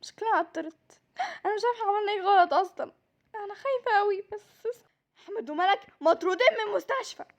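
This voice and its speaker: A woman's voice: very high voice, fast. A woman voicing a scared young woman doctor with an Egyptian accent, talking tearfully. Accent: Egyptian Arabic. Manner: tearful, anxious.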